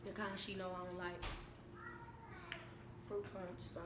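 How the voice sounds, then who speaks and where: A young American woman chatting casually to camera at home, telling stories in an informal, unhurried way. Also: lowish voice, flat delivery. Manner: informal, unhurried storytelling with repeated phrases. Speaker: vlogger and mother. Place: indoors at home. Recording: echoey room with background noise.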